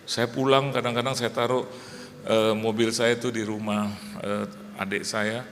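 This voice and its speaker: A man's voice: fairly low pitch, little pitch movement, normal speed, fairly bright tone, a little hiss or hum. A man preaching a sermon as a pastor, telling humorous anecdotes and acting out dialogue. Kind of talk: sermon storytelling. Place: church hall. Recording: church hall reverb, faint ambience.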